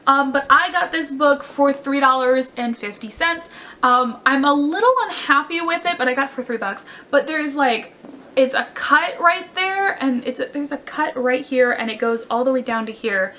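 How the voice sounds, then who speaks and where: A woman's voice: high-pitched, sharp tone, a little hiss or hum. A young woman chatting casually about her book haul, gushing and rambling with fillers and self-corrections. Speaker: book vlogger.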